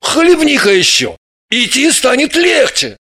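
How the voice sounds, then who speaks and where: Brash tipsy middle-aged male gamblers, put on by a narrator; coaxing, slow and lively in pitch. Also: slightly rough, no room sound, clean studio sound, full character voice. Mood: boisterous. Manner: boisterous, coaxing. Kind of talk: audiobook character voices.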